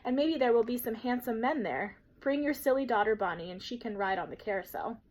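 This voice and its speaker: A woman's voice: fairly high pitch, a little fast, darkish tone, lightly acted. Woman reading as a young storybook girl, kind, sensible, coaxing. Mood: matter-of-fact.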